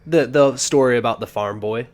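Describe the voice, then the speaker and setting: A man's voice: mid-range voice, moderate pace, a little mellow. A man co-hosting a podcast, chatting casually with crude, profane banter. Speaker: podcast co-host. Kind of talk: casual chat.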